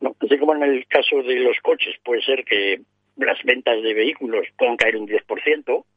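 A man's voice: mid-range voice, moderate pace, husky, no echo, narrow, tinny audio. A man commenting on a radio panel, thinking aloud and ending phrases with tag questions. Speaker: economics commentator.

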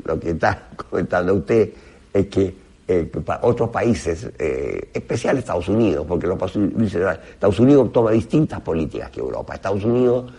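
Gravelly, low-voiced man speaking Spanish. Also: warm tone. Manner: halting, groping for words in Spanish. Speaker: professor, interview guest. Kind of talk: interview answers, explanatory.

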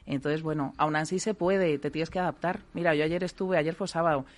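A woman from working as a voice therapist, calmly explaining things in a radio interview and often checking in with "¿vale?". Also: deep voice, fairly quick. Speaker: voice therapist guest.

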